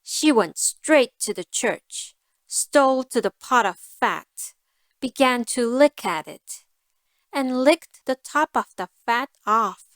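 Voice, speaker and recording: A woman storyteller giving a scripted fairy tale narration for learners, deliberate and carefully phrased. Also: a little high, animated, dry recording.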